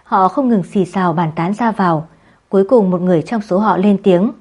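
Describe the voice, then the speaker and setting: A woman reading a novel aloud in a steady, measured storytelling voice. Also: mid-range voice, slightly rough. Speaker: narrator. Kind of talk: scripted audiobook narration.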